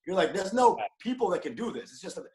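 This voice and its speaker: A man in his thirties, a comedian from Dallas, talks on a casual podcast in a voice pitched a little high. He tells stories with lots of energy and jokes, and he swears freely. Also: fast talker, poor audio. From Dallas, USA. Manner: energetic, profane, joking. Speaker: guest comedian.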